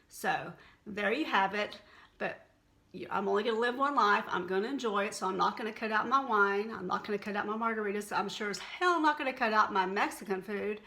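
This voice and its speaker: This wellness blogger from Texas is a middle-aged woman with a Texan accent, chatting off the cuff to camera in a candid, folksy way. Her voice sits at medium pitch and comes out pushed and bright, with some vocal fry.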